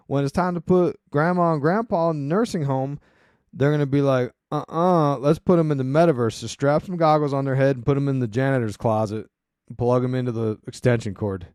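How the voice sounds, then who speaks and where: A man's voice: mid-range voice, steady tone, a little fast, a little mellow, clean tone, no room sound, studio quality. A man hosting his own podcast, talking casually in a rambling, irreverent way, swearing now and then. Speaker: podcast host. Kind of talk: casual monologue.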